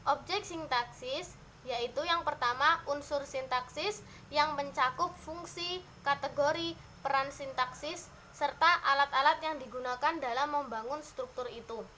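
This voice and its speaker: Bright-voiced young woman giving a class presentation. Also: high voice, a little hiss or hum, rough recording. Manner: measured, list-like delivery with occasional hesitations. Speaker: student presenter.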